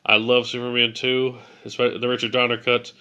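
A man's voice: medium pitch, level tone, fast, sharp tone, smooth, muffled recording. A man hosting a movie ranking video in a casual, enthusiastic way, sounding a little stuffy from a cold. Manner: enthusiastic, gushing praise. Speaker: movie list video host.

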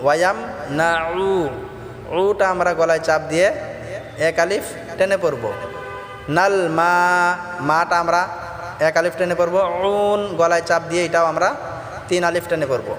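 A man with a high voice teaches Quran recitation, quickly explaining how each sound is pronounced and then chanting the verse slowly and melodically. His voice rings in a roomy space with a long reverb. Faint music sits underneath. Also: fairly even intonation, a bit bright.

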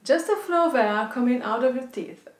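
A woman's voice: high-pitched, lively intonation, moderate pace, echoey room. A middle-aged woman with an Italian accent giving an instructional pronunciation lesson, demonstrating rolled R exercises and enunciating example words. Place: indoor studio with plain backdrop.

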